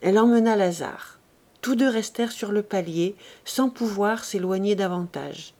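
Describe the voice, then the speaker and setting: Mellow-voiced woman reading a classic novel. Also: mid-range voice. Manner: measured, expressive reading. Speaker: audiobook reader. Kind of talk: audiobook narration of a classic novel.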